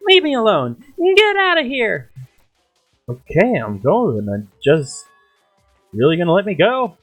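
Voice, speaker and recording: A woman's voice: low voice, sing-song, a little slow, darkish tone, slightly rough, soft background music, pitched above the performer's own voice, full character voice. A woman voicing a gleeful, mischievous male robot bear headmaster who makes puns and gloats in a sing-song way, read aloud from a game. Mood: gloating.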